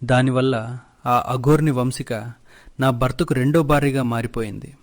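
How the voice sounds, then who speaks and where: A man's voice: mid-range voice, steady tone, moderate pace, natural voice. Storybook wife: earnest, pleading, wronged young woman, read by a man.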